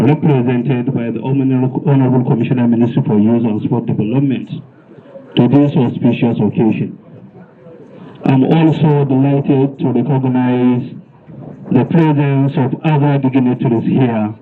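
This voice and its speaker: A man's voice: mid-range voice, narrow, tinny audio, a little hiss or hum. A man with a Nigerian accent making a formal welcome speech as master of ceremonies.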